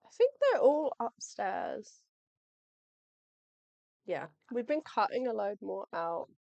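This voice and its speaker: Speaking slowly with a mid-range, slightly mellow voice that is very animated and has vocal fry, a young woman livestreams while packing orders at home. The recording is dry and muffled. She chats in a casual, friendly way, thinks out loud, apologizes constantly, and is losing her voice.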